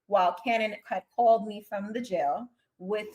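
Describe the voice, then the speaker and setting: A woman's voice: medium pitch, normal speed, darkish tone, rough recording. A woman born in Trinidad and raised in Queens, New York, in a brash, emphatic live-stream rant that repeats points for stress. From born in Trinidad and Tobago, raised in Queens, New York. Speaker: reality TV personality on a live stream.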